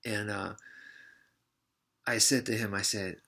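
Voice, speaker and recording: A man's voice: on the low side, steady tone, slow pace, bright, forceful tone. A male martial arts instructor telling a personal story in a casual, rambling way, mocking himself and repeating words for emphasis.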